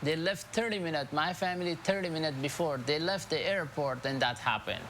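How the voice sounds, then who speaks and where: Man from afghanistan being interviewed, halting, lots of uh and you know, faint hiss behind. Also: a little high, a bit bright. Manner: halting, many fillers, emotional. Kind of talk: news interview.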